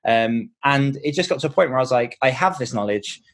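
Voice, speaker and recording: A man who hosts a podcast and writes books is being interviewed in a conversational setting. His mid-range voice has lively intonation and moves a little fast as he gives earnest, explanatory answers, thinking aloud along the way.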